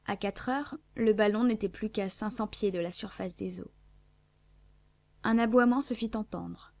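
A woman reads a classic adventure novel aloud as an audiobook narrator. Her delivery is measured and clear, pitched in an ordinary middle range. The sound is dry and close, with no room around it. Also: a little mellow, no echo. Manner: measured, clear literary reading.

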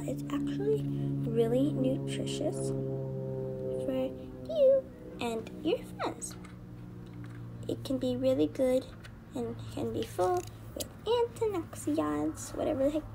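A woman's voice: sits high, huge pitch swings, moderate pace, vocal fry, noisy background. A woman narrating doll play in a home video, rambling and shrugging things off as she goes. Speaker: video creator.

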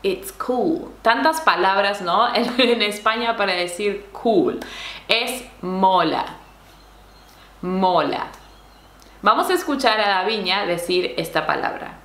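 This language lesson on slang features a woman whose medium-pitched voice has a fairly bright tone, recorded in an echoey room. Patient and unhurried, she keeps asking "¿no?" and "¿sí?" to make sure her Spanish explanations land.

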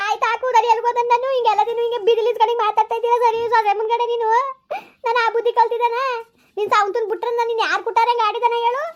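A woman's voice: very high-pitched, little pitch movement, rapid-fire, muffled recording. Woman doing a whining old village wife. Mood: defensive whining. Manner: whining, pleading protests. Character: old village wife, defensive and self-pitying. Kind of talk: village comedy skit.

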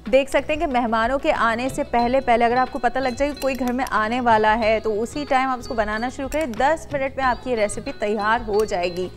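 A woman in her thirties hosts a TV cooking show with a high, bright-pitched voice. She chats easily, talks directly to the viewers and keeps prompting her guest, with faint music playing behind her in the studio. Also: brisk, hardly any pauses. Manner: chatty, addresses viewers directly, many affirming hums. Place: bright studio kitchen set.

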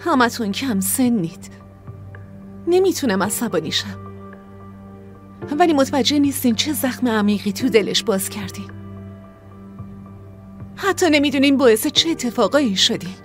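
Firm, caring older sister, an actress, high voice, dubbed drama with faint music. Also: female voice, expressive, pauses often, lightly acted. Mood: earnest. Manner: pleading then scolding, earnest. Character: young woman raising her siblings, caring but firm. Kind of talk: Persian dub of a TV drama.

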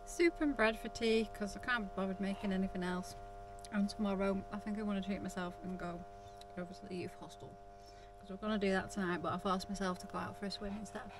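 Against a noisy background, a woman in her thirties from the UK talks casually to camera inside her camper van, a little stuffy from a sore throat. Her voice is mid-range, and she's chatty, often laughing and cooing at her dogs.

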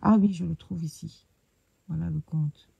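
A woman hosting a casual live stream, talking hesitantly and filling pauses with "euh" while she searches on her phone. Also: low voice, fairly even intonation, vocal fry, warm tone, breathy edge, dry recording.

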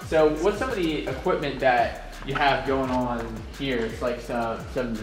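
A man's voice: medium pitch, a little slow, over music. A man hosting a wrestling channel, eagerly asking a coach questions during a casual tour. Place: indoor college wrestling facility.

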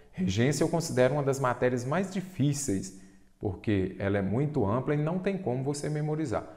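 A man's voice: medium pitch, echoey room, in a large hall. A male teacher with a Brazilian Portuguese accent, explaining exam questions step by step and answering his own questions. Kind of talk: exam-prep lesson.

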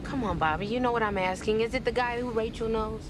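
A woman's voice: fairly high pitch, fast, noisy background, close to an everyday voice. A woman playing a suspicious, probing wife. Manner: pressing, teasing. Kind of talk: film dialogue.

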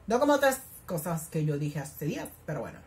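A woman giving reaction commentary as a YouTuber, excitable and gushing, full of exclamations. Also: low voice, fairly quick.

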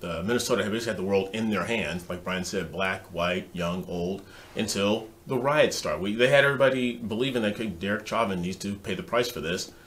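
A man co-hosting a casual talk show, relaxed with a dry, joking manner. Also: on the low side, fairly quick. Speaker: co-host. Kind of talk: casual chat.

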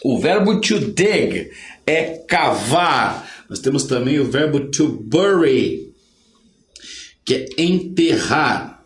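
Lively Brazilian teacher in an echoey room. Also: male voice, mid-range voice, slow pace. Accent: Brazilian Portuguese. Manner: emphatic and lively, drills phrases by repetition, pushes learners to work hard. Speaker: English teacher. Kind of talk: online language lesson.

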